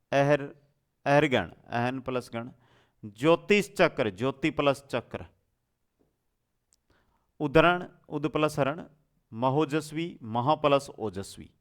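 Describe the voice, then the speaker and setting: A man with a Rajasthani Hindi accent teaching an exam coaching lesson from India, quizzing students and answering his own questions. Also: on the high side.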